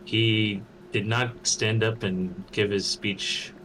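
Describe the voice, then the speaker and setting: A man's voice: lowish voice, steady tone, takes it slowly, over music, low-quality recording. A man in a casual gaming voice chat who rambles and trails off mid-sentence. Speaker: gamer on voice chat.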